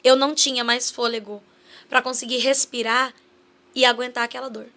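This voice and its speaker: A woman's voice: a little high, flat delivery, moderate pace, pushed and bright. Earnest Brazilian woman telling her testimony. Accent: Brazilian Portuguese. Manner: earnest storytelling, acting out remembered dialogue. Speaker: podcast guest. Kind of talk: personal testimony in a casual interview.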